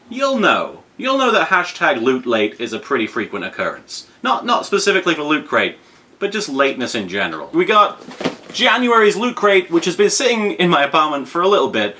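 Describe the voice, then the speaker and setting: A British man in his thirties hosts a casual unboxing vlog from his apartment, his voice fairly high, pushed and bright. He rambles in a playful, mock-serious way, repeating things for emphasis, with clear room noise in the background.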